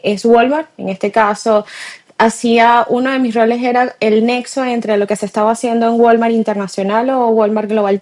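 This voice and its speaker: A woman in her forties from Venezuela with a Venezuelan accent, answering interview questions in a measured way with frequent hesitations. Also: a little high, darkish tone. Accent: Venezuelan Spanish. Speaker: guest, tech director.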